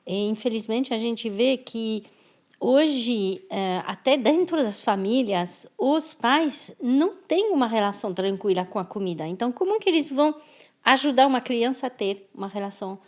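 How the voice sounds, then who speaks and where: A woman's voice: fairly high pitch, expressive, normal speed, darkish tone. A French-born woman speaking as a guest in an interview, thoughtful and often restarting her words. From France. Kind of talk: conversational interview.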